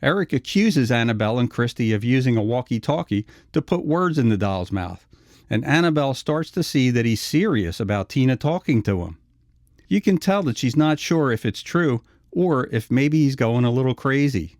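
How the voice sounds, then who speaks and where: A man narrates a scripted retrospective video essay in clean studio sound with no room sound. His mid-range, darkish voice has lively intonation and moves at a normal speed.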